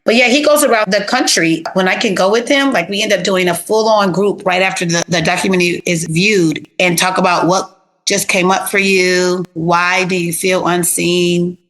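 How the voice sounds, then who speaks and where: Bright-voiced chatty woman therapist. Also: lowish voice, moderate pace. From South Florida. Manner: animated, chatty, plain-spoken with slang. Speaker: therapist, interview guest. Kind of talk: casual interview storytelling.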